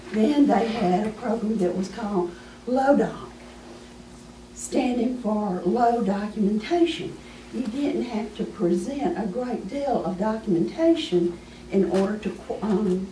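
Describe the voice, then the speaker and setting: Hoarse woman speaking in an echoey room. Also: medium pitch, expressive, takes it slowly, mellow, recorded from a distance, a little hiss or hum. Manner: folksy, emphatic and conversational. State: hoarse, clearing her throat. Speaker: small business adviser. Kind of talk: presentation to an audience. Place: meeting room with an audience.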